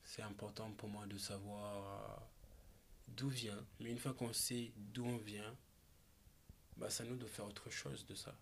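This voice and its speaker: A man from Malawi talking slowly and thoughtfully as a podcast guest, with searching pauses and restarts. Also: fairly low pitch, little pitch movement, creaky, a little hiss or hum. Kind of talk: reflective conversation.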